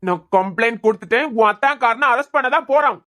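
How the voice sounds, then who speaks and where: A woman voices a cartoon's stern young male doctor in a fairly high, slightly bright, natural voice, speaking fast with a Kanyakumari Tamil accent. The character presses hard, scolding and questioning.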